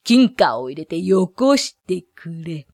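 A woman voicing a cocky, shady male piper who demands his pay in a rough, drawn-out way, in a told story. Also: fairly low pitch, very animated, darkish tone, no room sound, clean studio sound, full character voice. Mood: demanding.

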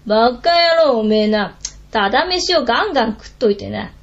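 Storybook ogre boss, rough and coarse, lively delivery, put on by a woman narrator; lo-fi recording. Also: a little high, fairly quick. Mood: gruff. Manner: rough, coarse street talk. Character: gruff bossy male ogre chief.

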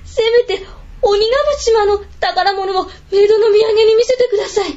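A woman's voice: sits high, very animated, measured pace, darkish tone, dull audio, soft background music, full character voice. A woman doing a whiny little boy. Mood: tearful pleading. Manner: whiny and pleading. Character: timid young boy apprentice.

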